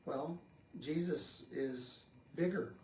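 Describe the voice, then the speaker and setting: A man with a fairly high voice talks slowly through a casual Bible study, pausing often and filling the gaps with ums. His voice rings in an echoey church room over a faint hiss. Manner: slow and halting, many ums.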